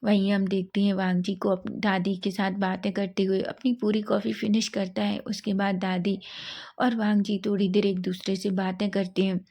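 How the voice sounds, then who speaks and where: A woman narrating a romantic fan fiction story in a steady, even reading. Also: mid-range voice, normal speed.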